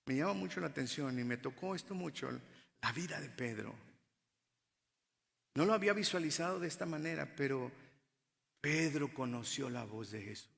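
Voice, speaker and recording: A male pastor preaching a sermon in a dramatic style, moving from loud exclamations to hushed, low passages, recorded in a church sanctuary. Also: animated, moderate pace, gravelly, long pauses. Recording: long hall reverb from the church.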